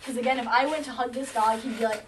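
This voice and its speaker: A woman's voice: a little high, steady tone. A woman who trains shelter dogs, teaching a group of volunteers with confidence and acting out what the dog thinks. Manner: confident, explains with quick acted-out dog thoughts. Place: indoor room at an animal shelter. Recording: distant camera mic, faint noise.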